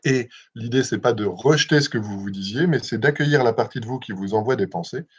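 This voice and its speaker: A young man with a breathy, slightly husky voice leads a live self-hypnosis session at a middle pitch. He talks gently, with frequent hesitations and restarts. The sound is muffled and lo-fi, like a webcam livestream. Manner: gentle, measured, with many hesitations. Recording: dull lo-fi livestream audio.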